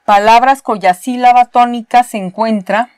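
A woman's voice: on the high side, fairly even intonation, a little slow, a little mellow, clean tone, dry recording. A Mexican woman teaching a university spelling lesson, explaining patiently step by step and repeating key words. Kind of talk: recorded spelling lesson at a board.

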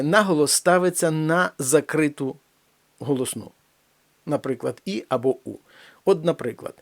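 A man's voice pitched a little above the usual, giving a pronunciation lesson. He talks slowly and deliberately and says each example word again and again so learners can hear it clearly. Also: darkish tone. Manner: slow, deliberate, repeats example words. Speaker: language teacher.

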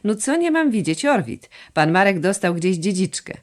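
A woman's voice: mid-range voice, sing-song, moderate pace, voice pushed up, lightly acted. A woman voicing a scheming, greedy male moneylender in an audiobook, insistent and bargaining.

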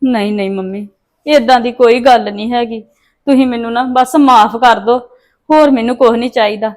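A woman's voice: a little high, moderate pace, darkish tone, natural voice. A woman playing a remorseful daughter pleading with her mother for forgiveness in a family drama. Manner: pleading, defensive.

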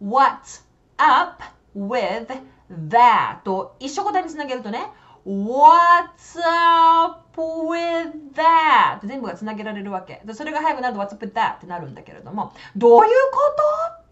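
A woman teaching English in a casual, chatty way, switching between Japanese explanation and slow, carefully spoken English examples. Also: fairly high pitch, big pitch swings, a little mellow, highs cut off.

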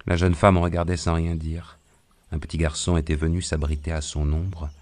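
A man narrating an audiobook with a very low, deep voice. He reads in a calm and measured way. The narration has a steady storytelling pace. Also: dry recording. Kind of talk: scripted narration.

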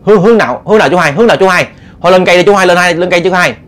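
A man's voice: sits high, a bit bright, voice pushed up. A man voicing panicked young hunters who call out in a raised, urgent voice. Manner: urgent, rushed, pleading. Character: panicked young male hunters shouting to an elder.

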